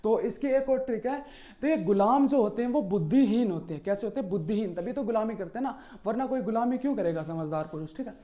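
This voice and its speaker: A man teaching history, walking students through memory tricks with a mellow, soft tone. He poses his own questions and answers them right away, closing nearly every point with a quick okay. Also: sits high, lively intonation.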